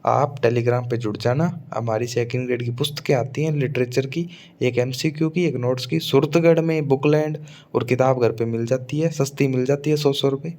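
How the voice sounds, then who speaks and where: A man's voice: mid-range voice, fairly even intonation, moderate pace, a little mellow. Rajasthani man drilling English pronunciation. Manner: drills words by repeating them aloud. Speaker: English teacher. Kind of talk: exam-prep lecture. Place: Suratgarh, Rajasthan.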